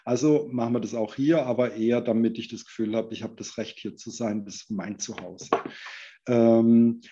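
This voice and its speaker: A middle-aged man talks on a video call, weighing his words and rephrasing mid-sentence. His voice is mellow and a little dark. The audio is dull and muffled. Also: medium pitch, fairly even intonation, normal speed, slight background noise. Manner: thoughtful, restarts phrases, hedges with "wenn man so will". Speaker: architect answering questions in an online lecture. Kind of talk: conversational explanation. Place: indoors by a large window.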